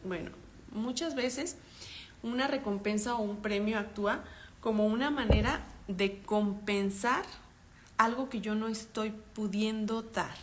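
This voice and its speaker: A woman psychologist with a Mexican accent, giving an online parenting workshop, explaining calmly and acting out example dialogues. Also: mid-range voice, measured pace, slight background noise.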